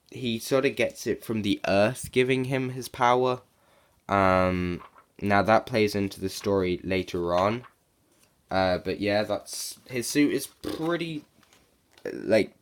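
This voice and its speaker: A man's voice: lowish voice, clean tone. A man with a sore throat and sniffles giving a casual, rambling video review as a comic book reviewer.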